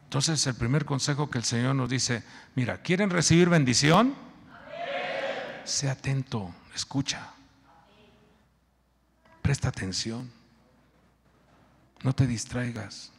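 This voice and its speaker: A male pastor preaching a sermon, animated and quizzing the congregation. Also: mid-range voice, takes it slowly, vocal fry, pauses often, long reverb tail, slight background noise.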